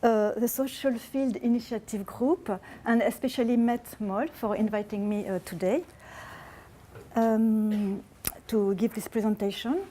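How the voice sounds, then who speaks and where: Woman, French accent, academic lecture, mellow, somewhat high voice, measured, hesitant fillers. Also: fairly even intonation, slight background noise.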